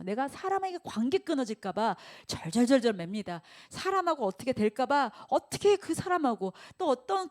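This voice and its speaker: A woman pastor preaching a Sunday sermon, putting rhetorical questions to the congregation and acting out quoted speech. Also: on the high side. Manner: acts out quoted speech in lively voices.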